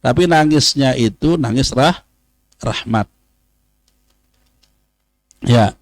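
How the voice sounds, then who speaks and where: A man, teaching a religious study session, who says Arabic phrases slowly and then explains them. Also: mid-range voice, no room sound. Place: pesantren study hall.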